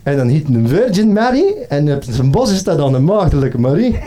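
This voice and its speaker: A man voicing a know-it-all hairdresser customer who lectures about cocktails in a drawn-out way. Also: on the high side, very animated, dark tone. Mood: explaining.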